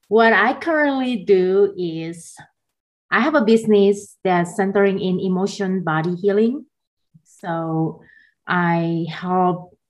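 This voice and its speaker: A woman in her forties from Indonesia, a podcast guest telling her life story in a soft, halting way with small laughs. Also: mid-range voice. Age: 40s. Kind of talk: personal story in a podcast interview.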